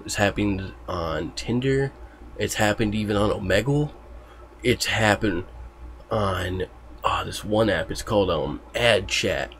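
A man's voice: fairly low pitch, a little slow, a bit bright, a little hiss or hum. A man talking casually to his viewers, loose and profane, with lots of fillers. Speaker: YouTuber warning about online scams. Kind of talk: casual talk to camera.

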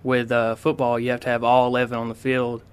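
A teenage boy, a high school football player answering interview questions politely, with lots of ums and uhs. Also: monotone, a little fast, clean tone. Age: teens. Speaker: high school quarterback guest. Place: radio studio.

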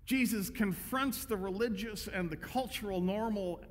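A man's voice: high voice, moderate pace. A male pastor preaching a conversational, emphatic sermon with frequent restarts. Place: church sanctuary. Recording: echoey church hall.

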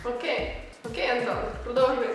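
A woman's voice: on the high side, flat delivery, normal speed. A young woman in casual chat, reading quiz questions aloud and teasing her friend with frequent giggles. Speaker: vlogger quizzing a friend. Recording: echoey room, mic at a distance, music behind.

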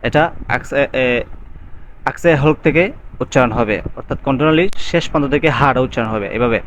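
A man teaching the call to prayer, explaining pronunciation rules and chanting the words slowly and drawn out. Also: mid-range voice, fairly bright tone. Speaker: azan teacher. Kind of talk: recitation lesson. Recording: dull lo-fi sound, faint background noise.

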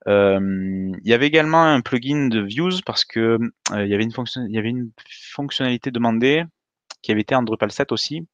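A man's voice: medium pitch, fairly quick, dry recording, lo-fi sound. A man in his thirties giving a meetup talk over slides on a webcam, hesitant with many fillers and restarts. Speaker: meetup presenter. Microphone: webcam on a video call.

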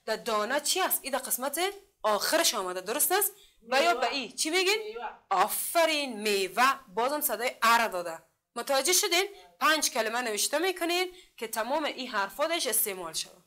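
A woman with an Afghan Dari accent teaching a literacy class. She sounds out letters and syllables slowly, asks the class questions again and again, and praises their answers often. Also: high-pitched, big pitch swings, bright, forceful tone. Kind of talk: classroom lesson.

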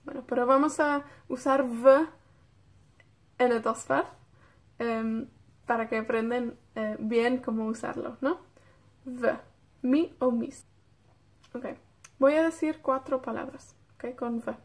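A woman's voice: a little high, steady tone, takes it slowly. A woman from Wales with a North Welsh accent, teaching a beginner Welsh lesson in Spanish, patiently checking in with her students and drilling words.

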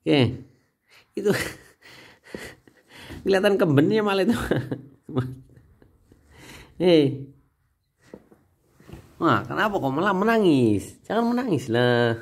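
A man's voice: high voice, animated, slow, pauses often. A man, teasing and playfully coaxing his family while filming a casual home video on a handheld phone.

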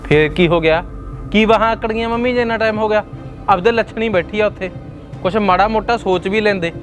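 Acting in a web series, this man plays a young husband in a heated, fast, indignant argument with his mother. His voice sits high but stays close to an everyday voice, over soft background music.

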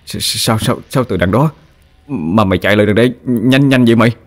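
A man's voice: fairly low pitch, fairly quick, voice pushed up, lightly acted. A man voicing a frightened young village man who stammers, in an audio ghost story. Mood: stammering. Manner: stammering, panicky.

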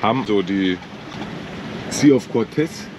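A man's voice: on the low side, slow pace. Older guy hosting a sailing vlog on deck, bouncy and jokey, windy boat noise on the cam. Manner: lively, cheerful, joking. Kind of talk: casual chat. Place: outdoors on a sailboat deck.

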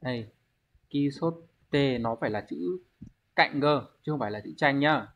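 A man's voice: mid-range voice, a little slow, fairly bright tone. A man teaching an online exam review lesson, explaining word readings and checking in with the class through rhetorical questions. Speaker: Japanese teacher.

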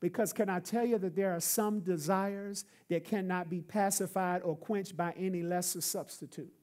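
A pastor delivers a sermon with emphatic, repeated refrains that drive each point home. The voice sits in a middle pitch. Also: fairly even intonation, moderate pace, darkish tone. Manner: emphatic, repetitive preaching with refrains.

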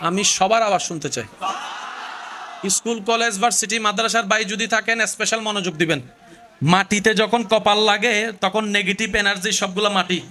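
A man's voice: sits high, fairly even intonation, brisk, bright, forceful tone, slight background noise. A man with a Bangladeshi Bengali accent preaching an Islamic sermon to a gathering, calling on the crowd to respond and chanting repeated refrains.

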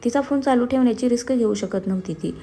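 A Marathi-speaking woman narrates a scripted story, voicing every character's dialogue herself and switching to Hindi for some lines. Her voice is a little high, mellow, and fast, with slight background noise.

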